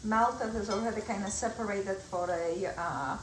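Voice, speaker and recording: A woman's voice: medium pitch, normal speed, reverberant, a little hiss or hum, rough recording. A middle-aged woman from Poland with a Polish accent, hosting a home cooking show and chatting through each step as she works in her kitchen. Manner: chatty, explains each step while working.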